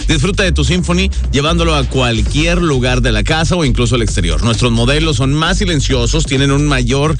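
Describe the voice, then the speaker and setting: A radio host in his thirties with a northern Mexican accent talks in slangy, exuberant, casual style from a radio studio, repeating phrases for emphasis. His mid-range voice moves fairly quickly with few pauses, and the broadcast has music running underneath.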